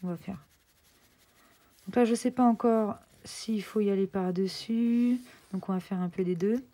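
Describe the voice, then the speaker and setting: A young woman chatting casually through an art-supply unboxing, excited and full of fillers and restarts. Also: mid-range voice, measured pace. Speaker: craft vlogger.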